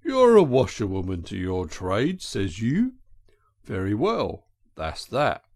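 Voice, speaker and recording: A man's voice: fairly low pitch, wildly swooping pitch, takes it slowly, a little mellow, dry recording, clean studio sound, full character voice. A man voicing a burly, kindly working-class engine driver for a storybook, folksy and reflective in manner.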